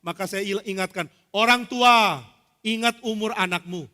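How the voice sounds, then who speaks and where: A male pastor preaching a lively sermon in a church, playful and conversational, often acting out scenes and humming notes. His voice sits high and bright. A long hall reverb trails every phrase, with faint music underneath. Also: normal speed. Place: church sanctuary.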